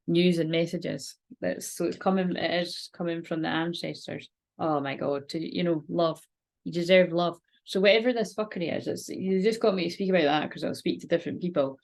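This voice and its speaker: A woman's voice: low voice, gravelly. A woman gives a spiritual card reading in a rambling, informal way, moving between chat and guided relaxation. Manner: rambling, informal, interrupts herself. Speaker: tarot and oracle card reader.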